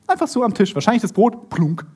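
A preacher retelling a Bible story in a lively sermon, acting out the characters and speaking straight to the listener. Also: medium pitch, fast, slight background noise. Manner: animated, acts out the characters and talks straight to the listener.

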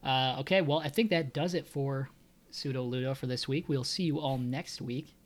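A relaxed man chatting as co-host of a podcast. He talks loosely and keenly, with plenty of slang and "dude", at an everyday middle pitch. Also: moderate pace. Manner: laid-back, enthusiastic, slangy. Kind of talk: casual chat.

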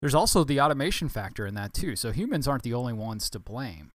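A man's voice: medium pitch, big pitch swings, fast, dry recording, clean studio sound. A man hosting a casual solo podcast, talking in a rambling way with many restarts and self-corrections, sounding a bit tired. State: tired, yawning. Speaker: podcast host, former baggage handler.

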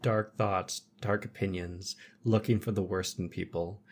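A man hosting a podcast who speaks in measured, reflective statements during casual chat. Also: deep voice, steady tone. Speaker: podcast host.

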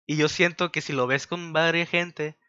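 A man's voice: a little high, normal speed, clean tone, no echo. A man chatting casually on a podcast about a movie, acting out lines from it. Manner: animated, acts out quotes. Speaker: podcast panelist. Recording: dull lo-fi.

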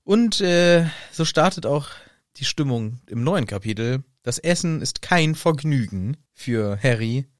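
A man's voice: medium pitch, expressive, a little slow, no echo, studio quality. A man co-hosting a casual podcast, retelling a book with jokes, laughter and silly put-on voices. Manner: joking, laughs often, puts on silly voices. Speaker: podcast co-host.

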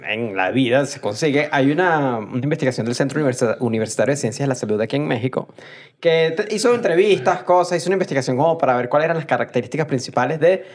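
A man's voice: mid-range voice, expressive, fast talker. A man co-hosting a casual podcast, talking through a study's findings in a conversational way. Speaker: podcast co-host. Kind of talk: casual chat.

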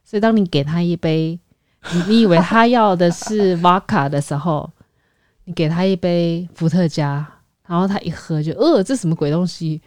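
Female co-host, lower voice, brief responses, dry sound. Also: moderate pace, no room sound. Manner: brief listening backchannels and questions. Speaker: co-host, guest. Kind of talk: casual conversational podcast.

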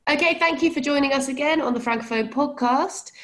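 A woman's voice: high-pitched, a little fast, fairly bright tone, soft background music. A woman hosting a casual podcast interview, speaking in an encouraging, chatty manner. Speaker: podcast host.

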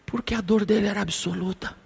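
Male pastor, high-pitched and gravelly, emotional storytelling sermon. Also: fairly even intonation, quick pace. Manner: emotional, dramatic storytelling with humor.

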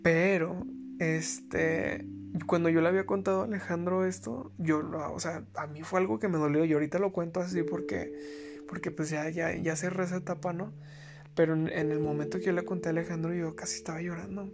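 A man's voice: on the high side, steady tone, brisk, gravelly, noisy background. A young man with a Mexican accent casually telling a personal story, slangy and candid, swearing now and then. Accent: Mexican Spanish. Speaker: storyteller host. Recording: music playing underneath.

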